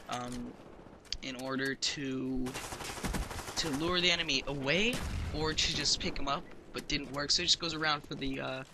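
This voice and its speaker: A man's voice: medium pitch, noisy background. A man giving casual gameplay commentary, explaining tactics in a hesitant, filler-heavy way. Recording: voice over loud gunfire game audio.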